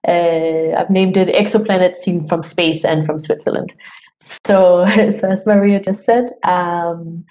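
A woman's voice: lowish voice, steady tone, slow pace, dark tone. A young woman from Denmark, giving an online talk as a PhD student, friendly and tired, with many fillers and restarts. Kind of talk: online presentation. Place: home room.

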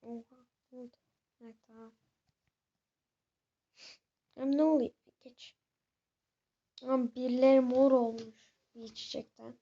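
A young woman talks her viewers through a horror game, chatty and easily startled. Her voice is a bit high but soft and mellow in tone. The recording sounds muffled and lo-fi. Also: little pitch movement, normal speed, pauses often. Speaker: gaming channel host. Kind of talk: let's-play commentary.

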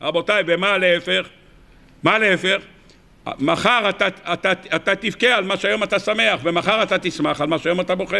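A rabbi delivers a lively weekly sermon in a high, bright voice. He keeps throwing questions at his listeners and bursts into short cries when he acts out scenes. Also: vocal fry. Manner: animated, asks the audience rhetorical questions.

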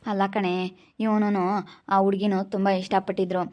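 A woman's voice: medium pitch, little pitch movement, moderate pace, dull audio, close to an everyday voice. A woman with a Chitradurga Kannada accent playing a scornful accomplice who sneers at and accuses the prisoner. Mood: sneering. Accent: Kannada, Chitradurga region. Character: scornful female accomplice of the captor. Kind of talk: amateur village drama.

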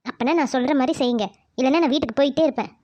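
A high, quick-talking cartoon young woman, voiced by a woman with a cheeky, teasing edge. She bosses younger kids around and mocks her friends lightly. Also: darkish tone, close to an everyday voice. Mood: bossy. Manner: teasing and bossy. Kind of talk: cartoon voice acting.

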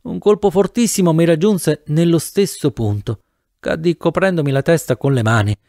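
A man reading a novel aloud in the first person with an animated, theatrical delivery, close to the mic. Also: fairly high pitch, normal speed, no echo. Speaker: audiobook narrator. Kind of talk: expressive audiobook narration.

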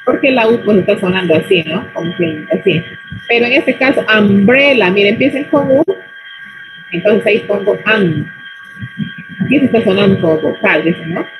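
A woman teaching an online English class in Spanish, modeling English words slowly and checking whether the students follow. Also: mid-range voice, low-quality recording.

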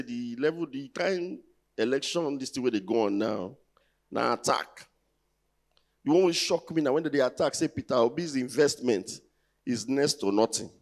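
A slightly mellow, mid-range voice belongs to a man in his thirties with a Nigerian accent. He does conversational stand-up on a large indoor theatre stage, teasing the audience with rhetorical questions through a handheld mic.

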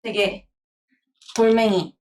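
A woman's voice: fairly high pitch, steady tone, takes it slowly, darkish tone, slight background noise. A woman chatting casually on a livestream, playful and giggly as she talks to her viewers. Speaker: live streamer.

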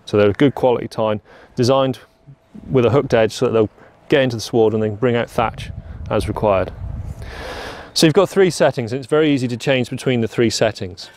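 A man's voice: medium pitch, brisk, darkish tone, slight background noise. A young man giving a plain, practical walkaround of a farm machine outdoors on a lawn, often repeating "very, very". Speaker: product presenter. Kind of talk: product walkaround demo.

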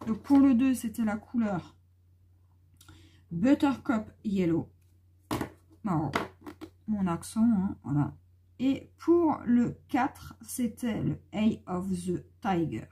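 A woman's voice: medium pitch, animated, slow, mellow, husky. A woman with a young son chatting casually and rambling with many fillers while she colors at home. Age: adult with a young son. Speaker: YouTuber coloring on camera. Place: at home indoors.

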